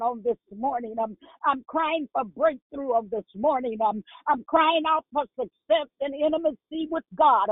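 Leading a phone prayer line, a woman with a high voice cries out in fervent, repetitive, spontaneous prayer, with frequent filler sounds in between. The dry, tinny telephone audio has no echo.

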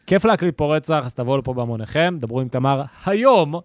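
A man's voice: a little high, expressive, darkish tone, dry recording. A man co-hosting a podcast in a recording studio, telling a story with lots of fillers and slang. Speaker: podcast co-host. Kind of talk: casual chat.

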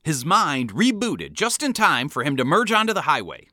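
A man from the Midwest telling a funny family story with deadpan, exaggerated asides. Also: a little high, moderate pace, no room sound, studio quality. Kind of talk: comic storytelling.

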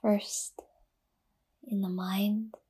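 Half-whispering in a breathy, soft, dark tone, a female yoga nidra guide speaks without hurry and leaves long pauses. Her mid-range voice barely shifts in pitch.

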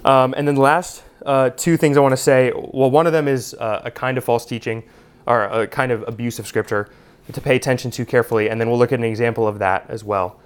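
A man's voice: medium pitch, fairly even intonation, brisk, smooth. A man teaching a Bible study class in a conversational way, with lots of "you know" and "uh". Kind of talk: unscripted teaching talk.

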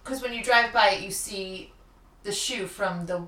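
A woman co-hosts a podcast, telling local history stories in a casual, chatty, jokey way. Her mid-range voice is a little slow and sharp. The recording has roomy echo, with her distant from the mic.

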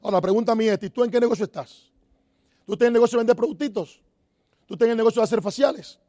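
A man's voice: very high voice, very fast, dark tone, no room sound, studio quality. A man giving a motivational talk on network marketing, asking the audience rhetorical questions and repeating key phrases. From Dominican Republic.

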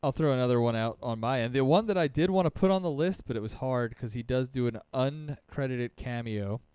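Animated man in casual chat. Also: medium pitch, brisk, clear, resonant tone, no echo. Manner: animated, swears freely, trails off in restarts. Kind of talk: casual podcast chat about movies.

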